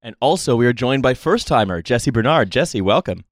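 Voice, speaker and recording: A man around thirty hosting a casual roundtable, talking in a wry, rambling, halting way. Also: mid-range voice, animated, dry recording, studio quality. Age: late twenties to early thirties. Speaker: podcast host. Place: small studio, around a table.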